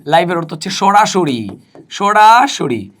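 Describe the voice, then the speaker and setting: A man teaching a spoken English lesson. He explains slowly, spells words out and answers his own questions. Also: high voice, very animated, a bit bright.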